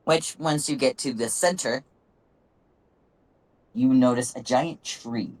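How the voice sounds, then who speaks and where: Man, game master, medium pitch, tabletop fantasy narration, casual table talk. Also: takes it slowly, a little mellow.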